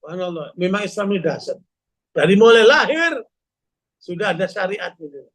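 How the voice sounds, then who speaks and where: A man preaching to a women's study group, animated and full of rhetorical questions, often calling out to his listeners. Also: sits high, moderate pace. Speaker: Islamic preacher.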